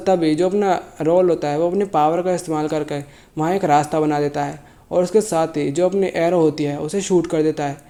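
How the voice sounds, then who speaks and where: A manhwa recap narrator with a fairly high, warm voice casually goes over a story, though a sore throat has him feeling unwell. His delivery is loose, and he keeps correcting himself and rephrasing lines mid-sentence.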